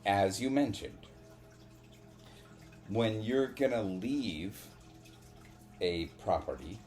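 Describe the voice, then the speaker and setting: A man co-hosting a casual podcast chat, rambling and halting, swearing now and then. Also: fairly low pitch, animated, a little mellow. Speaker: podcast co-host.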